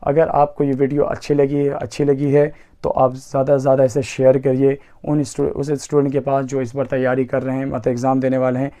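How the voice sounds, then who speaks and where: A man's voice: medium pitch, completely flat delivery, brisk, few pauses, mellow. A man teaching a chemistry exam-prep lesson, asking himself questions and counting carbons aloud step by step. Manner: asks rhetorical questions and answers them himself.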